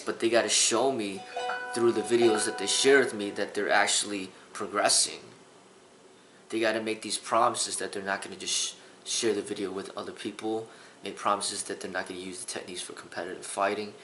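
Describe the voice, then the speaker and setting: A man's voice: fairly low pitch, steady tone, a little fast, sharp tone, reverberant, faint music behind, poor audio. A man in his thirties, a kung fu instructor, talking earnestly to the camera in a casual vlog, rambling with restarts. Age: 30s. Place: small indoor room with a sofa.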